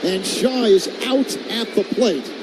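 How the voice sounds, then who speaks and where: This radio play-by-play man has a high voice and a slow pace, calling a live baseball game in clipped bursts. His calls swell into shouts when big plays happen, while the stadium roars steadily behind him.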